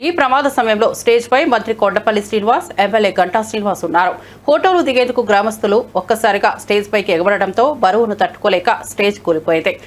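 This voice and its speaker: A woman news anchor reading scripted bulletin items in a brisk, formal manner. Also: a little high. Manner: brisk, formal newsreader delivery.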